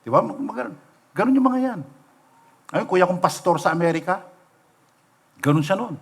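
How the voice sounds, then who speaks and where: A man's voice: high voice, animated, normal speed, breathy edge. A middle-aged Filipino man preaching in church, telling stories and asking the congregation rhetorical questions, slipping in English phrases. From Philippines. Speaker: pastor. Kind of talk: sermon. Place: church sanctuary, livestream.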